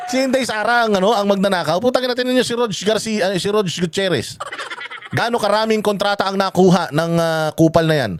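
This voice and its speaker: Guy venting about politics, high voice, keeps cursing and restarting, bit of background noise. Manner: heated, cursing, many restarts and fillers. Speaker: political vlogger. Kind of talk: angry political commentary.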